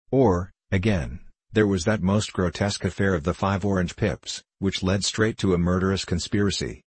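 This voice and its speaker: Sherlock Holmes, read by a man, measured and lofty. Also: low-pitched, breathy edge, dry recording. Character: sharp, bored male detective, lofty and precise.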